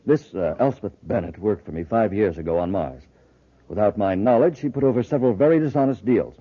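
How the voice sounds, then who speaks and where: In a 1950s radio serial, an actor with a fairly low, fairly quick, near-everyday voice plays an honest, nervous businessman under blackmail. He sounds hesitant, earnest and anxious. The old 1950s radio recording is narrow and tinny.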